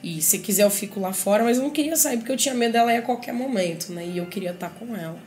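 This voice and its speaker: A woman's voice: mid-range voice, quick pace, darkish tone, faint music behind. Earnest woman sharing her life story. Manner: earnest, reflective, often checks in with listeners. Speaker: speaker giving a personal testimony. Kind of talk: personal life-story testimony. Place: group meeting.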